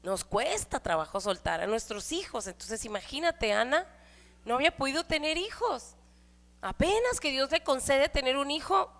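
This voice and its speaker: A woman's voice: high-pitched, a bit bright. A middle-aged woman with a Mexican Spanish accent, giving a conversational sermon in church with frequent rhetorical questions. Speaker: church speaker. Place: church hall. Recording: hall reverb.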